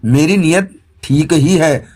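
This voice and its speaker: A man's voice: a little high, slow, a little mellow. A man doing a wheedling, greedy fellow. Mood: coaxing. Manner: coaxing, sulky.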